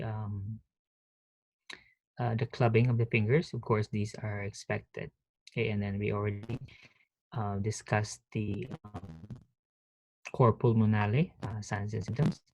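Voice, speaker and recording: A male professor lectures from his office through a headset mic on a video call. He speaks in a halting way, often pausing on fillers and restarting phrases. The sound is dry and close, with no room echo. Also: lowish voice, level tone, vocal fry. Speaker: nursing professor. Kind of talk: online lecture.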